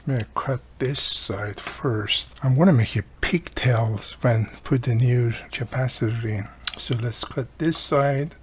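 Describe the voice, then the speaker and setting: In a home workshop room, an older man who tinkers with electronics chats through a radio repair, thinking aloud as he works in a casual tutorial. His voice is medium-pitched and unhurried, with a bit of hiss or hum in the recording.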